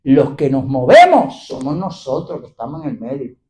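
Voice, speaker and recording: A man's voice: mid-range voice, normal speed. A male pastor preaching a fiery sermon at a church gathering, questioning the crowd and calling out hallelujah. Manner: animated, exclaiming hallelujah, questioning the congregation.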